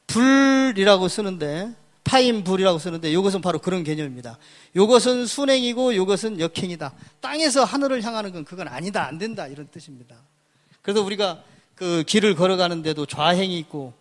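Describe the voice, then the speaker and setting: High-voiced man lecturing on characters. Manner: explanatory, pointing at characters on a board; asks and answers his own questions. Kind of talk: public lecture on Chinese characters.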